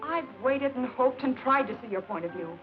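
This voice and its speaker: A hurt fiancée in an old film. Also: female voice, sits high, lively intonation, normal speed. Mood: angry. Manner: emotional, rising to shouting. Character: fiancée, young woman, proud and hurt. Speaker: actress. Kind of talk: 1950s film acting. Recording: dull old film soundtrack with music.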